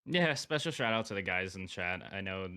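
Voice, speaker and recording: Low, nasal young man, plugged-nose sound. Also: lively intonation, brisk, pushed and bright, clean tone. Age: young adult. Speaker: esports player. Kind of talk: casual post-match interview.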